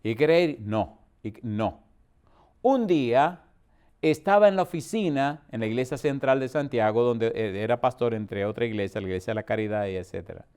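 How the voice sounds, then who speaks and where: A man's voice: mid-range voice, a little fast, darkish tone, clear, resonant tone. A middle-aged male pastor from the Dominican Republic, preaching a storytelling sermon with rhetorical questions and acted-out dialogue.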